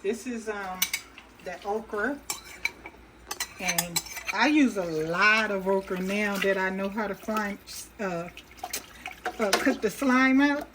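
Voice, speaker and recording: A woman talks her viewers through cooking in a relaxed, homey way, pausing on ums and restarting her sentences as she works. Her voice sits at an ordinary middle pitch. Clanking pots and running water are clearly heard in the kitchen around her. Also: background noise. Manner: talks to viewers while stirring and adding ingredients. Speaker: cooking channel host. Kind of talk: casual cooking demonstration.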